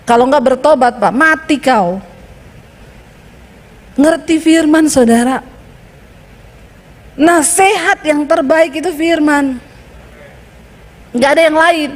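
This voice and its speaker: Lively woman preacher in a reverberant hall. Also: high-pitched, slow pace, long pauses. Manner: animated storytelling preacher, acting out both sides of dialogues. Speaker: pastor. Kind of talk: sermon.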